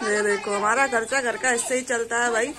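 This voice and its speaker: A woman's voice: fairly high pitch, steady tone, brisk, a loud crowd. A woman from a village in Madhya Pradesh, chatting casually as she shows her home and family to her phone camera. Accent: Madhya Pradesh Hindi. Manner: chatty, shows things around. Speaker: vlogger. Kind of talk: casual vlog narration. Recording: noisy village yard with people around.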